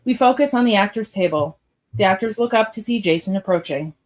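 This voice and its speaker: A woman's voice: mid-range voice, animated, fairly quick. A woman narrating a radio theatre piece, reading scripted stage directions.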